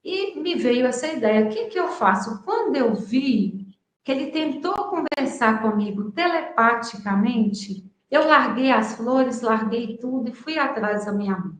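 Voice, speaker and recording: A woman's voice: fairly high pitch, expressive. A woman in her fifties from Brazil, retelling a personal memory at length with emotion and frequent asides. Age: 50s. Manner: emotional, drawn-out retelling with many "né". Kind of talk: personal storytelling. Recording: echoey room.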